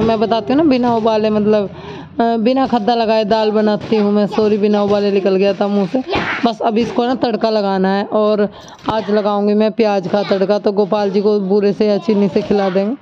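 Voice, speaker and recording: A woman's voice: mid-range voice, flat delivery, moderate pace, muffled recording, noisy background. A young woman chatting casually while cooking in her home kitchen, rambling with many asides. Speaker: village vlogger.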